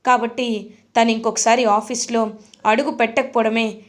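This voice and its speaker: A woman voicing an irritable young husband who scolds and shouts at his wife in a TV serial recap. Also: a little high, fairly even intonation, moderate pace, close to an everyday voice. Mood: irritated scolding. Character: irritable young husband, a male office boss.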